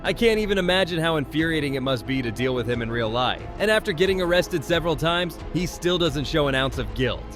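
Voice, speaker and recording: A man's voice: fairly high pitch, animated, fairly quick, hardly any pauses, over music. A man narrating a commentary voice-over in a scornful, mocking manner.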